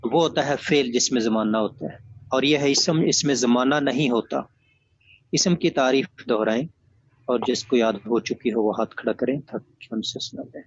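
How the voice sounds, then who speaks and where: A man's voice: mid-range voice, breathy edge. A man teaching an online class, firm and methodical, explaining by repeating examples over dull lo-fi audio.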